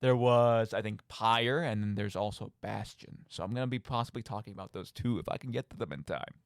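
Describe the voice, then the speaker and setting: Hosting a solo radio show, this brisk, lower-voiced man delivers a loose monologue about video games full of theatrical mock outbursts and chatty asides. The studio-quality recording carries no room sound.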